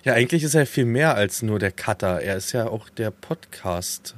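A man's voice: on the low side, animated, normal speed. A man co-hosting a casual podcast, laid-back and teasing in conversation. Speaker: podcast co-host. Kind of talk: casual chat.

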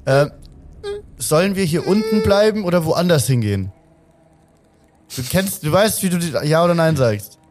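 A man, chatting casually and somewhat haltingly as a player in a tabletop role-playing game. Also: on the high side, animated, over music.

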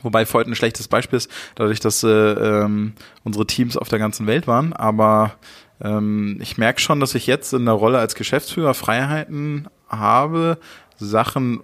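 A man's voice: lowish voice, fairly even intonation, normal speed, fairly bright tone. Hesitant man from Hamburg. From Hamburg, Germany. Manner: hesitant, many fillers and restarts. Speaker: interview guest, managing director. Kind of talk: podcast interview.

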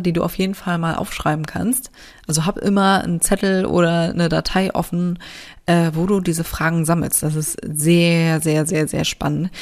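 A woman's voice: low-pitched, gravelly, a little mellow. A woman with a German accent and a nasal, stuffy-nosed voice, chatting casually and bluntly as a solo podcast host.

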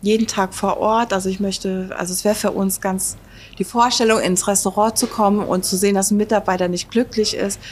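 A woman's voice: medium pitch, fairly even intonation, brisk, slight background noise. A woman with a Palatinate German accent, a restaurant owner being interviewed, talking casually with many hesitant fillers.

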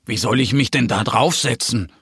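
A man's voice: medium pitch, normal speed, gravelly, fairly bright tone, breathy edge, no room sound, clean studio sound, exaggerated voice. A man voicing a small, clumsy bear cub in a children's audio story, talking in a puzzled, grumbling way.

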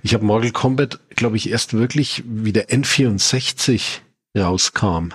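Low husky German man, hesitant. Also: a little slow. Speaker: podcast co-host. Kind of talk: casual chat.

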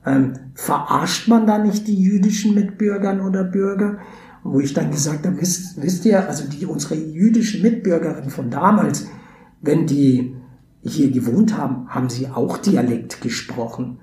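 In this conversational podcast interview, a theatre educator from Brazil, a native Portuguese speaker, talks at normal speed in a warm voice on the high side. He's reflective, hesitating often with fillers and restarts. Roomy echo and faint hiss color the sound.

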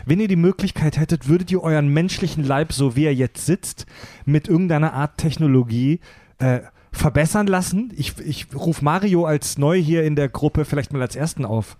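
A man's voice: fairly high pitch, normal speed, mellow, no room sound. A man hosting a panel podcast, with playful, mock-grand delivery like a ring announcer. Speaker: podcast host.

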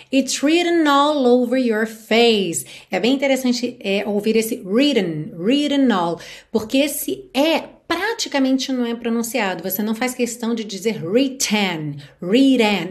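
A Brazilian woman with a slightly high voice teaches English pronunciation. She explains each sound patiently and repeats the words slowly and carefully. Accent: Brazilian Portuguese. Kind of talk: pronunciation lesson.

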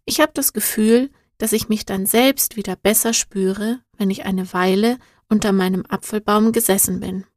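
A woman's voice: mid-range voice, fairly even intonation, normal speed, few pauses, a little mellow, no room sound, clean studio sound, close to an everyday voice. A woman voicing a thoughtful young girl in a storybook, speaking in an earnest, searching, heartfelt way. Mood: earnest, wistful.

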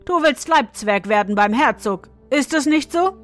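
Woman doing a stern palace overseer, loud, scolding, condescending, storybook. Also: high-pitched, animated, normal speed, soft background music, voice pushed up.

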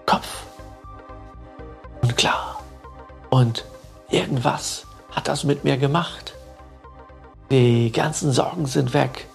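A man voicing an eager young male student who desperately wants to help people, speaking with a raised, excited voice. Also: medium pitch, slow pace, vocal fry, long pauses, faint music behind. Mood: amazed.

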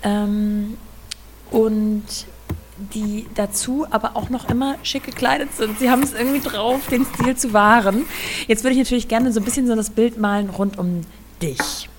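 A woman's voice: fairly high pitch, moderate pace, a little hiss or hum. A woman hosting a podcast, asking friendly, probing questions with occasional fillers. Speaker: podcast host. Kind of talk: conversational podcast interview.

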